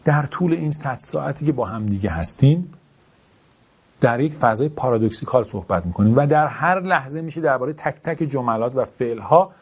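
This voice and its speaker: A man teaching an online course who speaks slowly and carefully, with imprecise articulation of some sounds and informal, self-deprecating asides. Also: mid-range voice, lively intonation, husky. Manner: deliberately slow, careful speech. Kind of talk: course introduction lecture.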